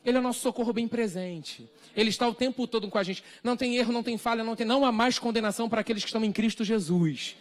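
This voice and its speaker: A man with a Brazilian accent preaching a sermon, earnest and full of repeated rhetorical questions. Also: high-pitched. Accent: Brazilian Portuguese. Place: church hall, live stream.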